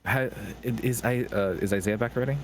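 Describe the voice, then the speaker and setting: A man's voice: mid-range voice, brisk. A man playing his tabletop character, talking hesitantly with stammering restarts. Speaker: player. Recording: faint background noise on the mic.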